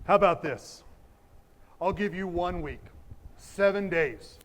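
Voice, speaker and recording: An actor playing a stern, domineering police chief in a stage musical, speaking in a commanding, scornful way. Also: male voice, high voice, slow pace, a bit bright. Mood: threatening.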